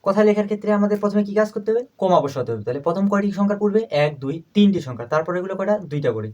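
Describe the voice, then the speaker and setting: Male math teacher, fairly high voice, asks and answers himself, slow repetition. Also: lively intonation, darkish tone. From Bangladesh. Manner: asks and answers his own questions, repeats numbers slowly. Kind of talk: step-by-step math lesson.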